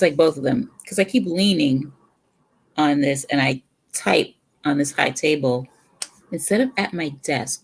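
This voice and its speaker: Chatting casually with viewers on her livestream, a middle-aged Bronx woman with a New York accent rambles between sips of her drink in a home room with a brick wall. Her voice sits low and sounds gravelly.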